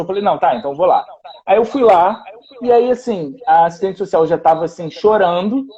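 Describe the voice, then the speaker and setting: Animated Brazilian man, muffled call audio. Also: fairly high pitch. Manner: animated, quoting others in dialogue. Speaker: public defender. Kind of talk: storytelling in a live panel talk.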